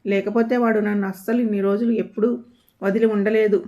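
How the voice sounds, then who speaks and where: A woman voicing a gentle, trusting elderly mother who pleads softly, on a dull lo-fi recording. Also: mid-range voice, level tone, fairly quick, natural voice. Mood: pleading. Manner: pleading, soft-spoken. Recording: dull lo-fi audio.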